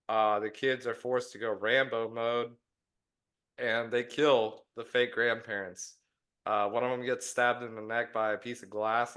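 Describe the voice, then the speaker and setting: Casting: young male co-host, bright forward tone, loose rambling retelling. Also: medium pitch. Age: young adult. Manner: rambling storytelling with fillers. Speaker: podcast co-host. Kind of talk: casual chat.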